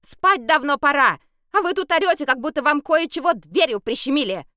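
A woman's voice: fairly high pitch, animated, moderate pace, no room sound, voice pushed up, lightly acted. Fed-up young woman read by a woman, blunt and snapping, audiobook, dry close mic. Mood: furious. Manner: sharp and snapping. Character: exhausted young woman, short-tempered and blunt.

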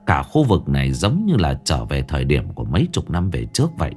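Deep voiced guy reading a ghost story, lots of up and down in his voice, soft music behind. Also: a little fast. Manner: grave, expressive storytelling. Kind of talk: dramatic ghost story narration.

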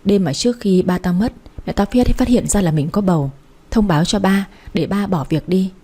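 A woman's voice: mid-range voice, normal speed, warm tone, husky, close to an everyday voice. A woman reading the part of a blunt, loyal young woman who talks to her friend frankly and teasingly. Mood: sorrowful. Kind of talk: audiobook character reading.

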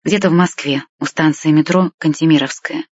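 A polite middle-aged man apologizes and explains plainly, as a woman reads his lines. The voice is lowish and husky. The recording sounds dull and dry. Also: steady tone, normal speed, no echo. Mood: apologetic. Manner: apologetic, matter-of-fact.

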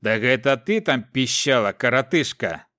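A man's voice: mid-range voice, lively intonation, slow pace, fairly bright tone, no echo, clean studio sound. A man voicing an arrogant, contemptuous sylph elder who bullies and interrupts his recruits in an audiobook. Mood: scornful. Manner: contemptuous, menacing, cuts people off. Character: arrogant, bullying male sylph elder, commander. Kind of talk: audiobook character voice.

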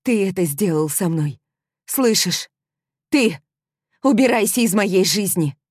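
A woman's voice: mid-range voice, expressive, unhurried, no echo, clean studio sound, voice pushed up. A woman voicing a furious heartbroken young woman. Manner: shouting, raw and hysterical. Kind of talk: audiobook character reading.

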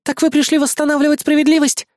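A reader voicing a frightened young woman who pleads in a high, tearful voice in an audiobook. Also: animated, takes it slowly, slightly rough, no echo, clean studio sound, exaggerated voice. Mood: admiring.

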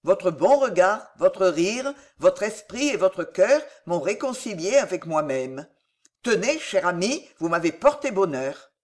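A fervent young count, pouring out devotion to a friend, a little louder than the narration, as the reader puts him on. The voice rises and falls in a lively way. An audiobook character read with plain warmth. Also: mid-range voice, measured pace.

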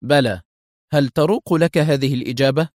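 A man's voice: mid-range voice, brisk, no echo, studio quality, close to an everyday voice. A man voicing a cool sardonic agent. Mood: curt. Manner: cool, curt and mocking. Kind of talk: audiobook character voice.

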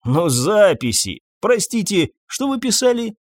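A man voicing a calm, indifferent hotel manager who speaks in an unhurried, dryly evasive way. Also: sits high, no room sound, pitched above the performer's own voice, heavily acted. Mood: dismissive.

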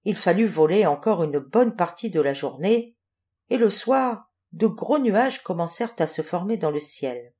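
A woman narrating a children's audiobook in a clear, measured storytelling manner. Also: on the low side, lively intonation, dark tone. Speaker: audiobook reader.

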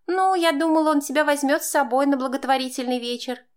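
A woman's voice: very high voice, steady tone, fast, a little mellow, voice pushed up. A woman voicing a spiteful teenage girl who taunts and sneers in a mocking tone.

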